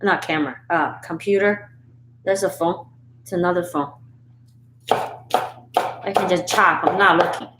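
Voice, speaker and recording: A woman's voice: lowish voice, steady tone, a little slow, long pauses, reverberant, very noisy. A woman from Sichuan, hosting a live-stream cooking show and chatting with viewers while she chops. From Sichuan, China. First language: Chinese. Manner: chatty, talks to viewers while chopping, laughs often. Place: home kitchen. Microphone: camera and phone setup.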